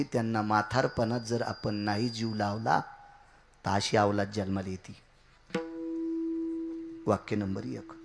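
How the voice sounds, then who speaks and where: A man delivers a devotional kirtan sermon, moving between loud shouts and quiet murmurs and repeating key words for emphasis. There's a faint hiss or hum in the background.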